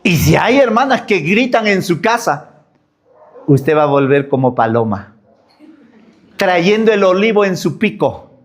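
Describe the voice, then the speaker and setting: Animated preacher man. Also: high voice, a little slow, long pauses. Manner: animated preaching with rhetorical questions. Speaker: pastor. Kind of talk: sermon.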